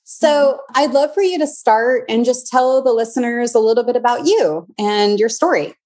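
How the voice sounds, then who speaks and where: A woman's voice: on the high side, normal speed, a little mellow. A woman hosting a podcast, introducing her guest with eager, gushing enthusiasm. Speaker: podcast host. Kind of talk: casual interview chat.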